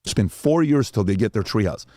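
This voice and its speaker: A man's voice: fairly low pitch, fairly quick, no room sound, clean studio sound. A middle-aged man hosting a show, telling stories in a casual, emphatic way with lots of repetition. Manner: emphatic, animated retelling with repetition. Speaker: podcast host. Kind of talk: casual storytelling talk.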